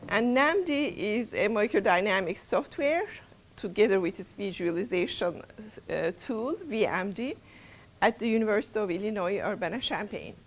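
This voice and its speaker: A woman's voice: mid-range voice, expressive, moderate pace, poor audio. A middle-aged woman, a research center's principal investigator, opening a workshop lecture in a lecture room, hesitant with many fillers and restarts.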